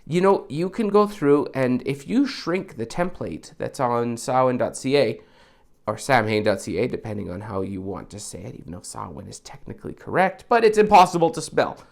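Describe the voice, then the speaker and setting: A man with a gravelly voice walks viewers through a hands-on prop build, chatting casually as he works. His pitch swings widely, and he wanders off into friendly asides. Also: sing-song, fairly quick, few pauses, darkish tone. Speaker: prop maker. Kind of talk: casual DIY tutorial.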